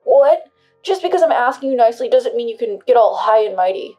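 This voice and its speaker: A woman voicing an entitled husband who shouts demands over the phone. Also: a little high, animated, fairly quick, soft background music. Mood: angry. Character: angry, entitled adult husband.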